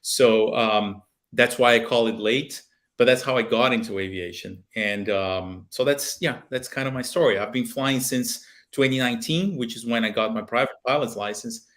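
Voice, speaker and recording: A man's voice: mid-range voice, normal speed, fairly bright tone. Brazilian man on a video call. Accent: Brazilian Portuguese. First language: Portuguese. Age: 30s. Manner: earnest, with many fillers and restarts. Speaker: guest pilot and aviation video maker. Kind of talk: casual interview on a video call. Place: small home office with a plane picture. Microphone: webcam video call.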